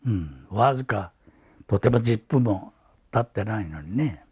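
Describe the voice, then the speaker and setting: An elderly man with a Hiroshima accent gives oral testimony as a survivor, telling his memories in a halting, reflective way. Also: on the low side, expressive, a little mellow, husky. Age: elderly, 80s or older. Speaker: atomic bomb survivor giving testimony. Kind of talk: recorded oral testimony, reminiscing.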